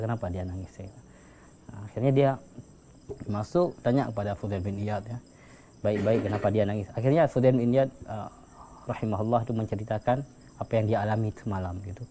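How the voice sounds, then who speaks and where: A man's voice: on the high side, dark tone. A man giving a casual religious lecture, telling stories with frequent chuckles and acting out quoted voices. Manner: chatty storyteller, chuckles often, acts out quoted voices. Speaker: religious teacher. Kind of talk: informal religious lecture with storytelling.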